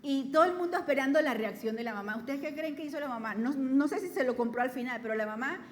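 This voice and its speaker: A woman with a Panamanian accent preaches in a conversational, storytelling way, often turning rhetorical questions toward the congregation. Her voice sits high. Her words ring with the long reverb of a church hall, over faint background noise. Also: lively intonation, fast talker. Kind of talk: conversational sermon. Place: church sanctuary.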